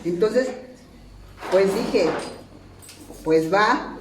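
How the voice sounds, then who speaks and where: A woman's voice: medium pitch, extremely slow, distant mic, noisy background. A middle-aged woman with a Mexican accent sharing her frank, profane personal testimony at a recovery meeting, laughing often as she tells it. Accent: Mexican Spanish. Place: meeting hall. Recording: very echoey hall, speaker off-mic, crowd murmur.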